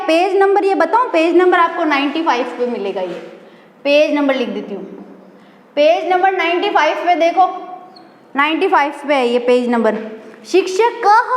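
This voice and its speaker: Lady teacher, slow patient lesson, lots of questions, echoey roomy sound. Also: very high-pitched. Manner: patient, repeats words slowly and asks the class questions. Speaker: school Sanskrit teacher. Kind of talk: recorded online class lesson. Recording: echoey room.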